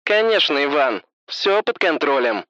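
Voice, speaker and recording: A man voicing a calm, caring female ship AI in a storybook reading, soft and composed with a light teasing edge. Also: fairly high pitch, a little slow, no echo, lo-fi sound, full character voice. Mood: reassuring. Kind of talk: audiobook character voice.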